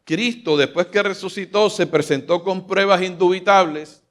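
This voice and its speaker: A man's voice: high-pitched, normal speed. Emphatic preacher man with a raised voice. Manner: emphatic, rousing, calls out questions to the congregation. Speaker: pastor. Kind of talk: live Sunday sermon. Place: church stage before a large congregation. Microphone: filmed from a stage mic.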